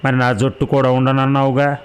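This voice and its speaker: A man's voice: medium pitch, completely flat delivery, a little fast, clean tone, pitched above the performer's own voice, close to an everyday voice. A man voicing a sensitive, timid young village boy in a storybook reading, with a raised boyish voice. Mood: tearful.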